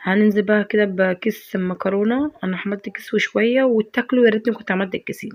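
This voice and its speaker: Fast-talking Egyptian woman with a cold. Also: medium pitch, fairly even intonation, no room sound. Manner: chatty, talks to viewers directly. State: congested with a head cold. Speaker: home cook vlogger. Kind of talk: casual cooking vlog.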